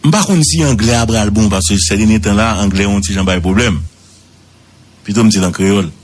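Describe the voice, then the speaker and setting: A man with a Haitian accent delivers brisk radio commentary, his voice swooping high for emphasis as he repeats words.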